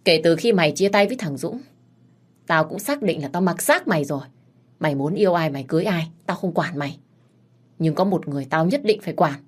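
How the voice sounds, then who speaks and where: A furious middle-aged father, voiced by a woman narrator, barks harsh commands at his daughter in an audiobook story. The voice sits fairly low and cuts hard. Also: lively intonation, a little fast, husky. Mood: stern.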